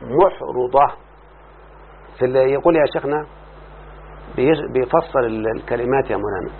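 Recorded tinny and lo-fi with a faint hiss, a teacher of Arabic morphology with an Egyptian accent reads a grammar text and explains it in a mid-range voice at a fairly quick clip. Again and again he quizzes his student to make sure they follow.

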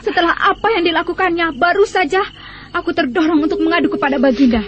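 An actress playing a haughty, vain and spiteful young royal concubine with proud, biting delivery in a radio melodrama. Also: female voice, very high-pitched, fast talker, slight background noise. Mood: aggrieved, vindictive. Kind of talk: melodramatic radio drama acting. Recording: muffled radio drama, music behind.

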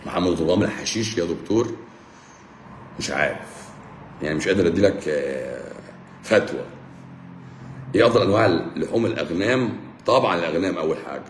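A man with an Egyptian accent, a doctor answering viewers' comments on a live stream in a joking, teasing, brisk manner. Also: low-pitched, expressive. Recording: roomy echo, faint background hum.

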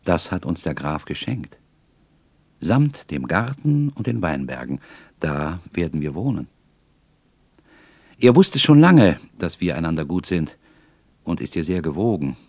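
A man's voice: low-pitched, very animated, measured pace, creaky, pauses often, darkish tone, dry recording, heavily acted. A man voicing a cheerful, confiding young woman. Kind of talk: audiobook character reading.

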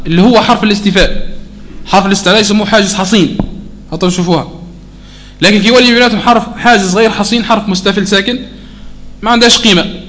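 A man teaching a tajweed lesson, explaining rules in plain talk and stopping often to ask whether it is clear, with examples slowly chanted in recitation. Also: high voice, fairly bright tone.

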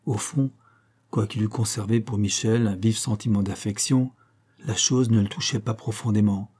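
A man narrating an audiobook in a measured, even storytelling manner. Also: fairly low pitch, slightly rough. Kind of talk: scripted narration.

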